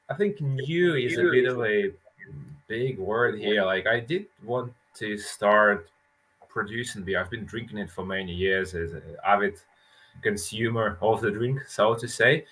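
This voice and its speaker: A man's voice: on the low side, bright, forceful tone, rough recording. A man from Lithuania, a brewery founder, chatting casually and telling his story with self-mocking jokes over a call mic. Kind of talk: casual chat.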